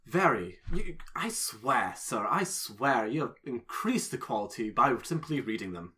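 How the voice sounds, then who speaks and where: Brief: man playing a friendly shopkeeper, bright and animated, higher voice. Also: a little slow. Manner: chatty, fond of fillers. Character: cheerful male candle maker shopkeeper.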